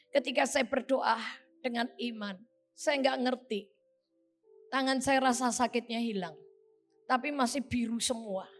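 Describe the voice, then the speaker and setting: A woman's voice: high voice, fairly bright tone. A woman preaching a sermon, emphatic and dramatic as she tells a personal story and often turns to address the congregation. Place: church.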